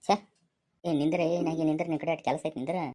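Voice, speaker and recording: A low-voiced, defensive young village guy, played by a woman, fires off scolding banter at a racing clip. He speaks with a North Karnataka Kannada accent, like someone in a comic village skit. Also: fairly even intonation, very fast, mellow.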